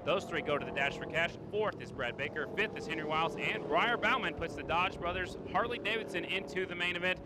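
A man commentates live on a motorcycle race with an excited, high-pitched voice. His calls are short and punchy. Loud engine and outdoor noise surrounds him. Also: fairly quick, hardly any pauses. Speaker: race track announcer. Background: motorcycle race track ambience.

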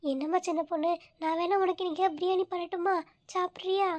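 A woman voicing a kindly, motherly older neighbor who coaxes and gently scolds, speaking in an in a home-made comic skit. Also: very high-pitched, steady tone, quick pace, lo-fi sound. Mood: coaxing. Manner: coaxing, gently scolding, calls her "amma".

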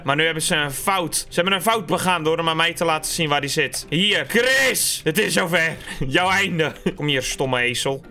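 Male gaming host, high voice, bright sharp tone, theatrical, gleeful, laughing commentary. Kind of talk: excitable gameplay commentary.

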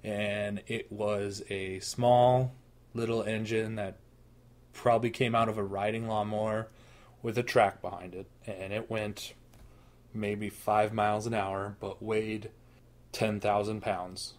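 A man's voice: lowish voice, flat delivery, slow pace. A man in his thirties with a Minnesota accent, co-hosting a casual chat and telling stories with playful asides. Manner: joking storyteller, playful asides. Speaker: podcast co-host.

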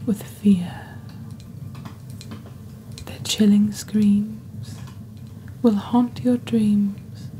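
A very slow, whispering witch voiced by a woman ASMR host sets an ominous mood, softly acted as a composed, eerie vendor of cursed items in scripted shopping-channel roleplay. Recorded roughly on a close desk studio mic with slight background noise, her medium-pitched delivery is deliberate and hushed, like storytelling.

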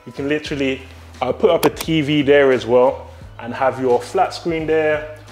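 A man's voice: medium pitch, fairly even intonation, normal speed, darkish tone, roomy sound, soft background music. Upbeat young man on a house tour. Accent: London English. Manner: upbeat, enthusiastic, addresses viewers directly. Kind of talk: walk-through property tour. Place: empty newly built house, indoor rooms and garden.

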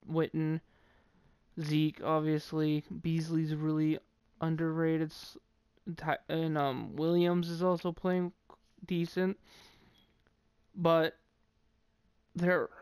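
A man with a New England accent talks through his football picks in a loose, opinionated ramble and often stumbles and restarts mid-sentence. His voice sits a bit high and sounds smooth and clear. It is recorded close and dry, with no room sound. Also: no echo. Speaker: sports commentator ranking football teams. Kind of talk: casual solo sports commentary.

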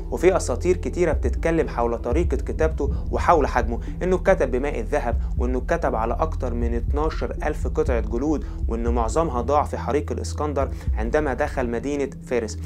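A man's voice: medium pitch, a little mellow. A man with an Egyptian Arabic accent explaining religious history in a chatty, step-by-step way, asking himself rhetorical questions. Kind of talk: casual educational narration.

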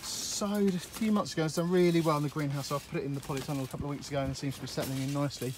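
A man with a slightly high voice races through a relaxed, rambling tour of his allotment and polytunnel, peppered with uhs. Slight background noise accompanies the footage, which he films on a handheld phone while walking outdoors.

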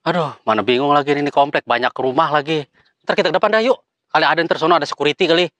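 A man's voice: a little high, racing, a bit bright. A man hosting a comedy sketch, talking in fussy, exasperated slapstick banter.

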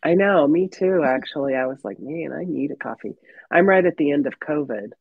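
A woman hosts an interview show from a video call, her voice stuffy and nasal from a cold at the end of covid. She talks upbeat and chatty, filling pauses with ums, and her voice is breathy. The audio comes through muffled and dry, with no room sound. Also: low voice, no echo. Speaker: podcast host. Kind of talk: casual interview chat.

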